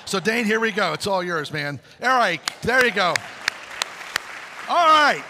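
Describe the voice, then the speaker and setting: A male pastor delivering a sermon in a large church, animated and joking, acting out the dialogue of his stories. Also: high-pitched, moderate pace, long reverb tail, a crowd in the background, noisy background. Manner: animated, jokey storytelling with acted-out dialogue.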